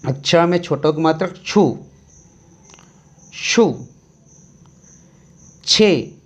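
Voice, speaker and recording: A teacher slowly dictating a Hindi syllable chart, calmly repeating each sound step by step for young pupils. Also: mid-range voice.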